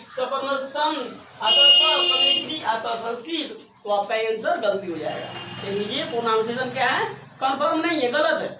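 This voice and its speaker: A man's voice: extremely high pitch, a bit bright, slight background noise. Guy teaching at a board, repeats everything, roomy echo, mic far away. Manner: repetitive, drills with quick self-answered questions. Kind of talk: classroom lesson at a board. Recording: echoey room, voice far from mic.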